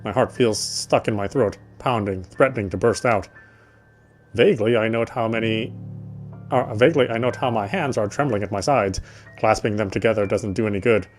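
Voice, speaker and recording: Over game music, a man with a fairly low voice streams a game and reads visual novel narration aloud dramatically at a normal speed, tossing in offhand asides.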